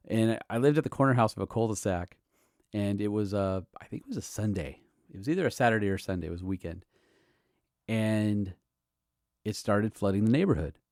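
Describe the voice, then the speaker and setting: A middle-aged man and podcast host, from Southern California, sharing fond, halting memories in a personal tribute, with soft laughs between thoughts. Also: fairly low pitch, dry recording, studio quality. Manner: halting, tender, fond laughs while reminiscing. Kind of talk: personal tribute, emotional storytelling.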